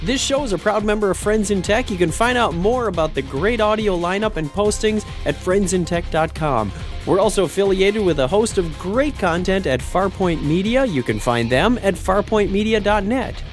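Lively male podcast host, higher-pitched voice. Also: normal speed, faint music behind. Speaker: show host. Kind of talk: podcast hosting, interview wrap-up and sign-off.

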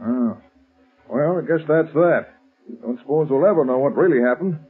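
Gruff, wry police commissioner, higher husky voice, muffled vintage radio drama. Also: male voice, moderate pace. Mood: wry, resigned. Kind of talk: 1940s radio drama acting.

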